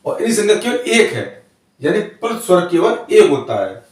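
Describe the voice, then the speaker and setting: A man's voice: sits high, very animated, normal speed, a little mellow, heavy reverb, recorded from a distance. A man teaching a grammar lesson for exam students, reciting letters one at a time and repeating each point.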